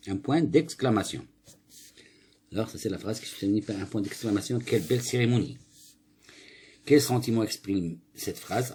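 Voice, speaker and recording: In a lowish, darkish, slightly rough voice, this man teaches primary school grammar. He reads and explains the exercises, asks questions only to answer them himself, and corrects any slips he makes.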